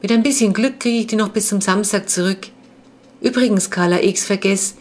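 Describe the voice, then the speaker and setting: Woman doing a brisk, cheerful dad. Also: mid-range voice, a little mellow, close to an everyday voice. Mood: chatty. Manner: brisk and chatty. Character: brisk, cheerful family father.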